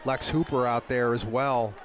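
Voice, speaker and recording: A man's voice: mid-range voice, steady tone, moderate pace, a crowd in the background. American male football analyst, noisy stadium. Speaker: color commentator. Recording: clear outdoor stadium noise. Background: outdoor stadium ambience.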